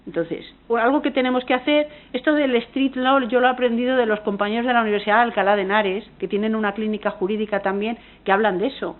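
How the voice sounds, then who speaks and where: A Spanish woman with a Spanish accent delivers a university conference lecture, earnest and engaged, often breaking off to correct herself. Her voice sits somewhat high. The sound is thin and narrow, like it came over a phone line. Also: fairly even intonation, fast, few pauses. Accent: Spanish from Spain. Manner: earnest, engaged, frequent restarts and self-corrections. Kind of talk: academic conference talk. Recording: tinny phone-like audio.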